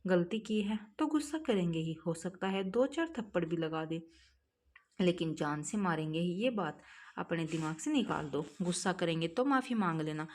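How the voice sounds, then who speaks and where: A woman voicing a kind young man who gently and patiently advises a runaway girl. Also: fairly low pitch, animated, normal speed. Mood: gentle.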